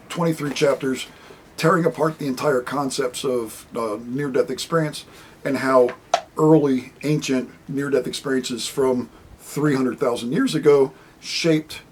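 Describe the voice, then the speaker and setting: Guy rambling to camera about his book, medium pitch, easygoing, does little voices for quotes. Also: slight background noise, poor audio. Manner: conversational and rambling, acting out quoted speech. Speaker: author presenting his book. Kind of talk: casual unscripted monologue to camera.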